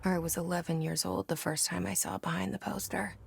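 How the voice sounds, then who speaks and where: An actress playing a guarded, haunted young woman in a video game, narrating her thoughts in a breathy, creaky whisper. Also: lowish voice, steady tone, a little fast, very noisy. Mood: haunted, hushed.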